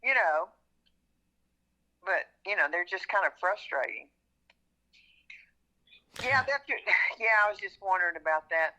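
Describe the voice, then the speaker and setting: A woman's voice: mid-range voice, lively intonation, a little slow, pauses often, bright, forceful tone, poor audio. A woman chatting casually about sports as an easygoing, agreeable fan. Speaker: regular guest.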